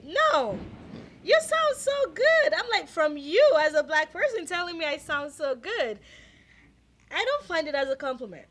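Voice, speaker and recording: A Nigerian woman who speaks Yoruba co-hosts a casual discussion in a Nigerian accent, talking animatedly with lots of restarts and quoted voices. Her voice is extremely high-pitched, with slight background noise.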